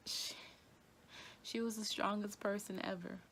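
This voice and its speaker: A young woman talking in a halting, quiet way, tearful and grieving, often repeating herself. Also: medium pitch, level tone, a little hiss or hum. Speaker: vlogger. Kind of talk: emotional personal vlog.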